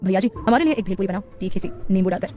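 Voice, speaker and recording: A woman's voice: medium pitch, animated, racing, mellow, soft background music, pitched below the performer's own voice, lightly acted. A woman voicing a pushy, smug young man with brash, boastful talk. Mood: casual.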